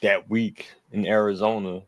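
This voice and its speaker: A man's voice: lowish voice, level tone, moderate pace, dry recording, dull audio. A man co-hosting a podcast, talking football in a profane, laughing, trash-talking way. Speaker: podcast co-host. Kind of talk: casual sports chat.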